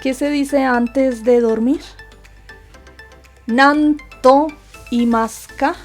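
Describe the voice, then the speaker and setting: A woman's voice: high voice, fairly even intonation, drawn-out words. A woman teaching a grammar lesson from slides, patiently asking rhetorical questions and then answering them. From Colombia. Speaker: Japanese teacher. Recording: faint background music.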